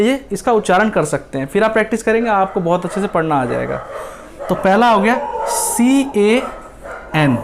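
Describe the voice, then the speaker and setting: A man's voice: high-pitched, slight background noise. A man teaching how to read English, explaining patiently, spelling words out letter by letter and often checking that the listener follows. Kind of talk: spoken English reading lesson.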